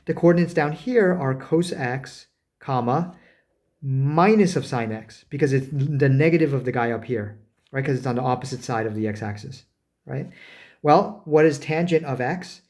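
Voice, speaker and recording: A man giving a math lecture, talking as he draws, with many fillers, self-corrections and quick "right?" checks. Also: mid-range voice, darkish tone. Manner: talks while drawing, frequent fillers and self-corrections; rhetorical "right?" checks with students. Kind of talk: recorded lecture at a board.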